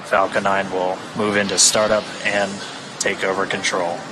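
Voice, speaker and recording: A man's voice: low voice, flat delivery, normal speed. A man doing live launch commentary, explaining technical callouts as a broadcast host. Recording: clear background noise.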